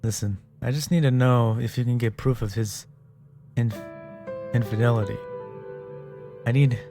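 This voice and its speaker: A man's voice: medium pitch, steady tone, moderate pace, music in the background, lightly acted. A man reading as a worried otter wife.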